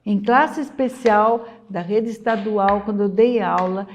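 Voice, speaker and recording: A middle-aged woman with a Brazilian Portuguese accent, a literacy educator, gives an emphatic talking-head lesson for mothers and repeats her key points. Her mid-range voice is steady and measured, with slight background noise.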